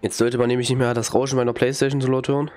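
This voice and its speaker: A young man with a cold streams himself playing a video game, talking into a headset from a small room at home while soft music plays behind him. His mid-range voice stays level and a little mellow but races along. His commentary is casual, blunt and slangy, full of mocking reactions and broken by the odd cough.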